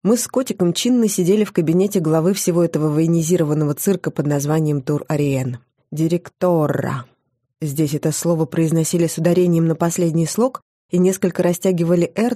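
A woman narrating a first-person fantasy audiobook with wry, lively storytelling. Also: lowish voice, no room sound, clean studio sound.

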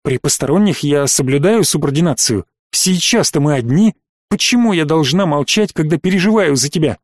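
A man's voice: a little high, animated, moderate pace, no echo, clean studio sound. A man voicing an indignant, worried woman starship captain who grumbles and reproaches, for an audiobook.

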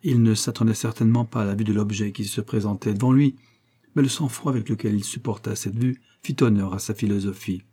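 A man narrating an audiobook in measured storytelling. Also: lowish voice, steady tone, mellow, husky.

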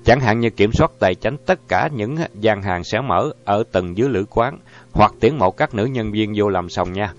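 A man reading an audiobook voices a cool, persuasive young crime boss who speaks calmly. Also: lowish voice, normal speed, close to an everyday voice. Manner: calm, smooth talker. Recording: dull lo-fi audio, faint music.

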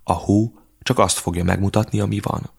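A man reading a calm, mysterious old host. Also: on the low side, vocal fry, husky. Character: calm older male host, mysterious and kindly.

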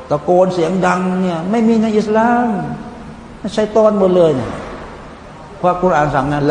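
A man giving a lively Quran commentary sermon, explaining verses, chanting Arabic passages and joking with his listeners. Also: fairly high pitch. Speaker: Islamic preacher. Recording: echoey hall with faint background noise.

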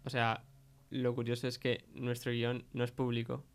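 An actor voices a young adult man, rattled and insistent, recounting a creepy stalker in halting, slang-filled Castilian Spanish during a conversational interview for an audio fiction podcast. He speaks at medium pitch and normal speed in a monotone close to everyday speech.

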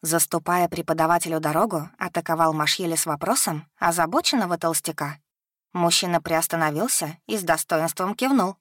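A woman narrating a fantasy story in an even, unhurried reading. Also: lowish voice, no echo, studio quality. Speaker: audiobook narrator.

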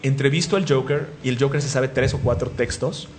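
Fast-talking Mexican man telling funny stories. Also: medium pitch, a little hiss or hum. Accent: Mexican Spanish. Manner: joking, self-mocking, acts out dialogue. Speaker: radio show host. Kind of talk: animated storytelling on a talk show.

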